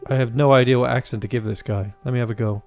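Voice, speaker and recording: Playing a farming game with faint music behind him, a man hosts a gaming video full of crude jokes and rambling, restarted sentences. He talks fast in a steady, mid-range voice with a darkish tone.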